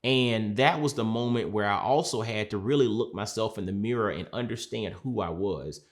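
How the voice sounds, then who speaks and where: A man with a fairly low voice talks through his own story in a sit-down conversation. He is earnest and measured and circles back on key phrases to stress them. He sounds like a coach speaking from experience. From Georgia, USA. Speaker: mindset coach. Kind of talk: reflective sit-down talk.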